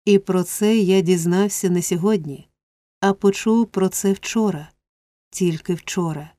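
A woman's voice: lowish voice, measured pace, mellow, dry recording, natural voice. A woman voicing an earnest young man in love, pleading insistently in an audiobook reading.

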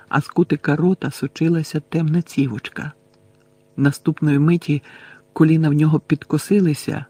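A man's voice: on the high side, warm tone, breathy edge, dry recording. Man narrating an audiobook. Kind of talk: scripted narration.

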